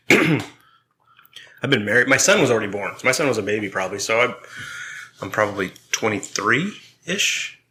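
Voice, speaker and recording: A man's voice: fairly low pitch, lively intonation, measured pace, pauses often, sharp tone, a little hiss or hum. A man in his forties hosting a podcast, telling a rambling, profane story in casual chat and laughing as he goes. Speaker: podcast host.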